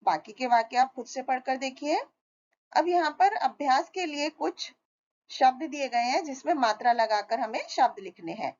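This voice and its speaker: A woman teaching young children a reading lesson, sounding out syllables one by one and explaining slowly. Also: sits high, animated, a little mellow. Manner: slow, deliberate, spells out sounds syllable by syllable. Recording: dull lo-fi recording.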